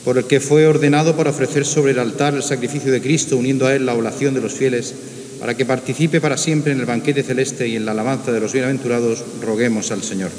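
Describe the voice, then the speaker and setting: A man's voice: medium pitch, steady tone, quick pace, a little mellow. A man formally recites liturgical petitions clause by clause, in a cathedral echo. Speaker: reader of the prayer intercessions. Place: large church, indoors. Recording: cathedral echo, clearly hissy noise.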